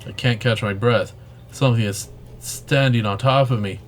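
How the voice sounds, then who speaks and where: A man's voice: mid-range voice, moderate pace, a little hiss or hum. Man reading a story game aloud. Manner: reads narration with joking asides. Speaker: game streamer.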